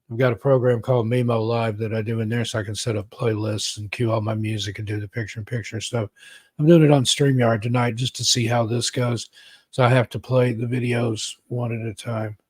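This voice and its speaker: A man chats loosely with his live-stream viewers, wandering from thought to thought with plenty of fillers and the odd clearing of his throat. His voice sits in an ordinary middle pitch, and it is recorded close and dry with no room sound. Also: darkish tone, no echo. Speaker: live stream host and storyteller. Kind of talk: casual live-stream chat.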